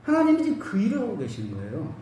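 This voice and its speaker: A male pastor giving an animated sermon, asking his congregation questions and using everyday cooking comparisons, in a church hall. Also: high voice, very fast, slight background noise. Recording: roomy hall, mic at a distance.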